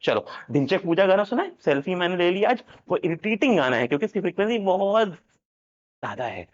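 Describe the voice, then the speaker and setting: A man's voice: high-pitched, sing-song, brisk. A man teaching a lesson, playful and jokey, switching between Hindi and English. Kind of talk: animated classroom lecture. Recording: dull lo-fi sound.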